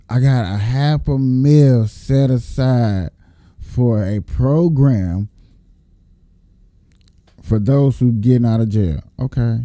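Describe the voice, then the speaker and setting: A man with an American accent and a very mellow, dark voice, recorded close and dry. He gives casual, folksy commentary at a slow pace, swearing and repeating himself for emphasis. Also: mid-range voice, dry recording. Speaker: host reacting to clips from his news feed.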